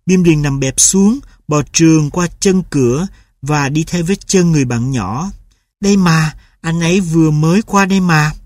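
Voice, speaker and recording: Calm woman narrating a storybook. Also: deep voice, no echo. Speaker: audiobook narrator.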